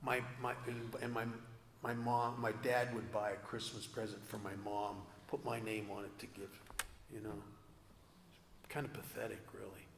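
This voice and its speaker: A man's voice: lowish voice, level tone, normal speed, vocal fry, a bit bright, slight background noise. Confessional man speaking in an echoey hall. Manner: earnest, confessional, self-deprecating humor. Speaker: speaker at a recovery convention. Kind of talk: personal recovery talk to an audience. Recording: echoey hall with long reverb.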